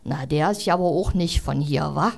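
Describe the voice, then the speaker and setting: A woman voicing a grumbling, prejudiced old neighbor woman in a story she reads aloud, gruff, muttering and suspicious. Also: low-pitched, brisk, pitched below the performer's own voice.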